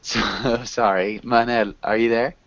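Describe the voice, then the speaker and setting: A man's voice: medium pitch, steady tone, a little slow, a bit bright, no echo. A man teaching an online English class, patient and encouraging. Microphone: video call. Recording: dull video call audio.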